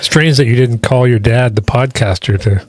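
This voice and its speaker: A man's voice: mid-range voice, normal speed. A middle-aged father hosting a podcast, chatting casually and rambling with restarts and asides.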